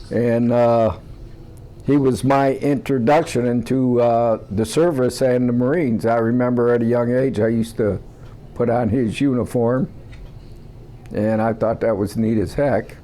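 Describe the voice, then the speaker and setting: A man in his seventies from Ohio, telling his own memories in an interview in a plainspoken, halting way. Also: mid-range voice, fairly even intonation, dark tone. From Cleveland, Ohio, USA. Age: 70s. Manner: plainspoken, halting with many uhs. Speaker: veteran interviewee.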